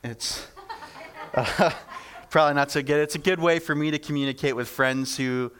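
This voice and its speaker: A man's voice: a little high, moderate pace, a bit bright, smooth. A young man giving a casual, storytelling sermon, chatty and self-deprecating with lots of fillers. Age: young adult.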